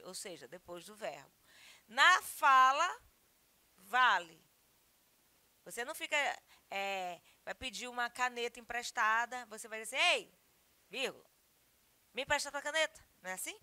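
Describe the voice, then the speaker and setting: A woman's voice: a little high, sharp tone, no room sound. A woman with a Brazilian Portuguese accent teaching a grammar lesson, explaining patiently and asking and answering her own questions. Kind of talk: grammar lesson, correcting exercises.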